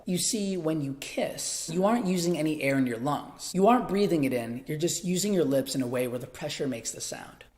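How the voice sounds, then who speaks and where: A man hosting an upbeat online beatbox tutorial, talking in an energetic, chatty way. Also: fairly high pitch, a little fast, few pauses.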